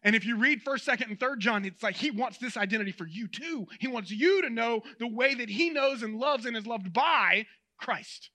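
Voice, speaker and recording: A man preaching a sermon in a conversational, animated way, addressing the audience directly. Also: extremely high pitch, normal speed.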